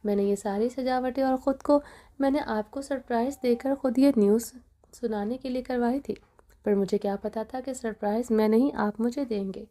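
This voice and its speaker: A woman's voice: fairly high pitch, steady tone, mellow, lightly acted. A woman voicing a young wife who confronts her husband emotionally in an audio novel reading. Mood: defiant. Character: young wife, hurt and defiant.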